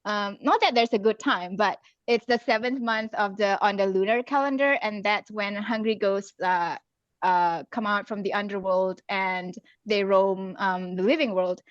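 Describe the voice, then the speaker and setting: Hesitant author with a dull dry sound. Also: female voice, medium pitch, normal speed, no echo. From Singapore. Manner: hesitant, many ums, laughs often. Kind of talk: casual chat.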